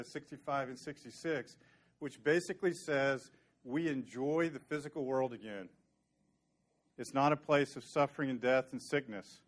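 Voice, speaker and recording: Here a preacher with a medium-pitched voice walks his congregation through scripture. His sermon is earnest and chatty, with occasional dry humor.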